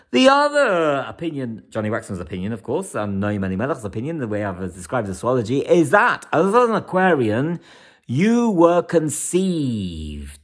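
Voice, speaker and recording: A man talking through a monthly horoscope in a blunt, animated way, swearing freely and repeating words for emphasis. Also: on the high side. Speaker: astrologer.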